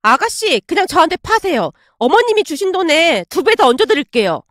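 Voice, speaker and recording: A woman's voice: very high voice, sing-song, brisk, a bit bright, dry recording, clean studio sound, heavily acted. A woman doing a pushy whining daughter-in-law. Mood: wheedling. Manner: wheedling, pleading.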